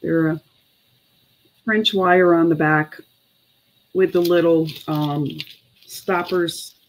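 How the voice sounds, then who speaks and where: A woman's voice: lowish voice, fairly even intonation, slow, slight background noise, poor audio. A middle-aged woman chatting casually and unhurriedly as she sells items on a live online sale, sometimes muttering counts to herself. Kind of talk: casual live selling chat. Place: indoor room with clothes racks.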